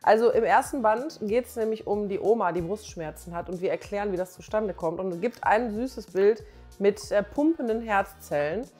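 Sitting on a sofa in a small living room, a doctor and author in her forties presents her comic to the camera, talking casually, emphatically and enthusiastically in colloquial language. Her mid-range voice has a darkish tone and a moderate pace. A clip-on lapel mic picks her up over soft background music.

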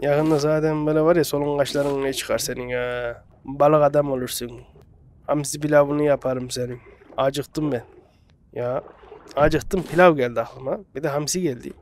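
A man narrating his game playthrough in a loose, chatty way, talking straight to the things he collects and breaking into excited yelps. His voice sits a little higher than most men's. A faint noise hums behind him. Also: moderate pace. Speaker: gaming channel host. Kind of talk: casual let's-play commentary.

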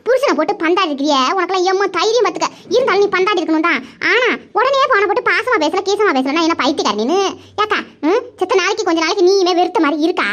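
Gossipy greedy village woman , woman voicing, very high and rapid. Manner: chattering, scolding gossip.

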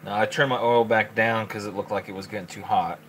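A man in his forties hosts a live home cooking stream, chatting step by step as he works at the stove. His voice sits fairly low, picked up on a handheld camera mic in a home kitchen. A faint room ambience sits behind him. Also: fairly even intonation, a little fast, fairly bright tone, a little hiss or hum, rough recording. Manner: casual, step-by-step, talking to viewers while cooking. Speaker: home cooking channel host. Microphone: handheld camera mic, moved around the stove.

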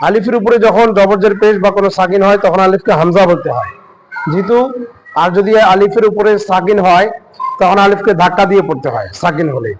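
A man's voice: high voice, brisk, slight background noise, poor audio. A man teaching Quran recitation, patiently spelling out letters and sounds one by one. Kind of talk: slow step-by-step recitation lesson.

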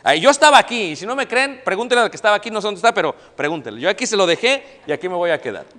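High-pitched Mexican preacher in a reverberant church. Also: male voice, very fast. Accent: Mexican Spanish. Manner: animated, asks the congregation questions and acts out quoted people. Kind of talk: sermon. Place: church hall. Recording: long church hall reverb.

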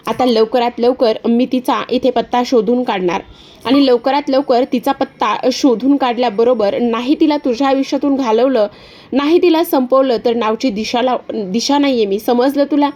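A woman's voice: fairly high pitch, moderate pace, warm tone, dull audio, close to an everyday voice. A woman voicing a scheming young female villain who mocks and needles, in a retold story. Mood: taunting. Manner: mocking, needling.

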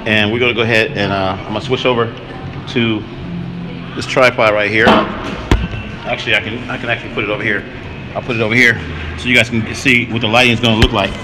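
This man speaks on the low side with a level tone, talking fast but pausing often. He's a vlogger in his forties casually walking through his streaming gear, looping back over points, recorded at night on a camera mic amid coffee shop noise, handheld and then tripod-mounted.

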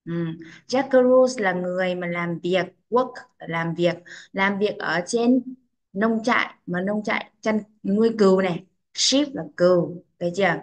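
A woman English teacher with a Vietnamese accent, drilling pronunciation for children by reading words slowly and repeating them. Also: mid-range voice.

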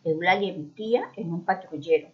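A woman narrating a children's mystery story aloud, expressive and acting out the dialogue. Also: lowish voice, brisk. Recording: dull muffled recording.

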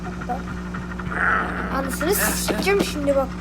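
A woman's voice: sits high, lively intonation, normal speed, loud music behind the voice. A woman giving let's play gameplay commentary, muttering to herself in frustration and swearing often. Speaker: gamer.

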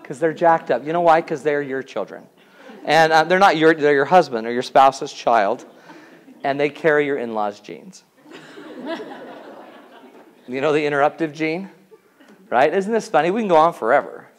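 Man in his 40s, comedic class lecture, theatrical, fairly high voice. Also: normal speed, long pauses. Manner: jokey, theatrical, asks the audience questions. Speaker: relationship class teacher.

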